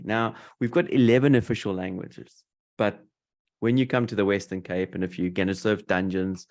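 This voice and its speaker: A man with a South African English accent hosting a casual interview, playfully teaching slang. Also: deep voice. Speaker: host.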